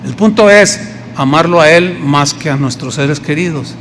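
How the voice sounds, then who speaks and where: Man, Mexican accent, pastor preaching, high voice, long hall echo, faint background noise. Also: normal speed, fairly bright tone. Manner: conversational preaching, acts out quotes. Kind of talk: sermon.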